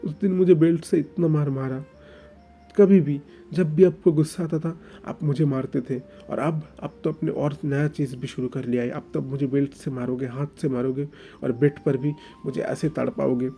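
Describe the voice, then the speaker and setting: A man's voice: fairly high pitch, steady tone, moderate pace, creaky, mellow, faint music behind. A man voicing a hurt young man who cries and stammers as he pleads to be let go. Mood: anguished. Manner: stammering, tearful, repeats words. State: crying.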